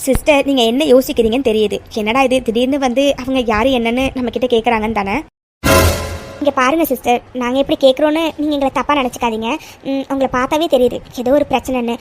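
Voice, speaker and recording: A bold young woman from a cartoon, voiced by a woman, quick and insistent. Her voice sits high, and she rattles her lines off fast. A faint ambient hum lies under her. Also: fairly even intonation, lightly acted. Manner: brisk and insistent. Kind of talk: cartoon voice acting.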